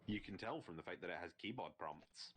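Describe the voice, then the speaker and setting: Lower-voiced joking co-streamer. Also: male voice, animated, fairly quick, a bit bright, slight background noise. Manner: joking, sweary and teasing. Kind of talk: casual live-stream chat.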